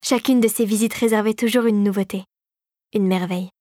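A woman narrating a children's storybook in a clear, steady storytelling manner. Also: mid-range voice, brisk, dry recording, clean studio sound.

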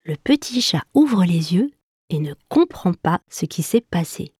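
Slow, low-voiced woman telling a children's story. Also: big pitch swings, a little mellow, breathy edge, dry recording, studio quality. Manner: playful, imitates animal sounds with high squeaks.

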